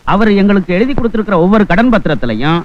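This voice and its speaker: A brisk, insistent creditor. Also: male voice, high-pitched, very animated. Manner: insistent, formal. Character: creditor demanding repayment at a funeral. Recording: dry, dull film soundtrack.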